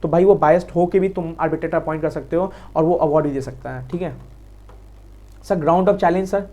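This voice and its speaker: Fast-talking Indian man teaching law. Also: a little high, dark tone. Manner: quick, repetitive, addresses students as sir. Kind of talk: fast exam revision lecture.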